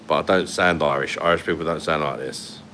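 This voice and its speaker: A very low-voiced man with a London accent hosts a loose livestream at night from a hotel room, holding his phone at arm's length while a faint air-conditioning hum runs behind him. Blunt and sweary, he laughs often as he reads comments aloud. His delivery is fairly quick, with a pushed, bright sound.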